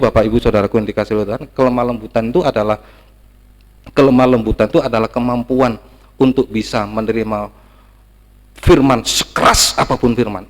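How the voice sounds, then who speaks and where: A man's voice: medium pitch, big-room sound. A man preaching a sermon, emphatic and repetitive, his voice rising to stressed peaks.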